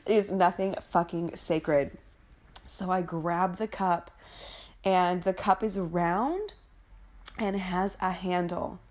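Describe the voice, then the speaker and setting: Young woman, casual storyteller, lively and foul-mouthed, jumps into high squeals when quoting herself. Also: slow. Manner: animated, profane, laughing often, acts out her younger self in high squeals.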